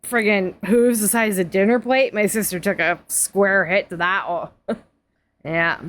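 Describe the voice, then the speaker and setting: A woman's voice: mid-range voice, steady tone, a little slow, fairly bright tone. A woman in her forties talks to her stream audience in a loose, rambling way. She piles on fillers, restarts often and laughs easily as she chats. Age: 40s. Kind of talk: casual chat.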